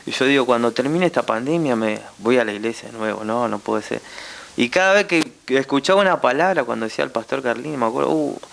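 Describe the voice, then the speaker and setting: A young Argentine man with a Rioplatense accent tells a heartfelt testimony in halting bursts, leaning on tag questions. His voice has a gravelly, fried edge at a middling pitch, over a faint hiss. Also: expressive, a bit bright. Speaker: guest. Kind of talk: emotional personal testimony.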